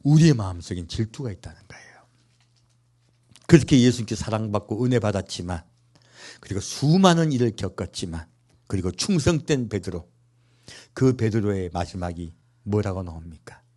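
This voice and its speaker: A pastor preaching a sermon in a church, asking the congregation rhetorical questions, with playful humorous asides. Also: male voice, on the low side, lively intonation, moderate pace, long pauses, warm tone.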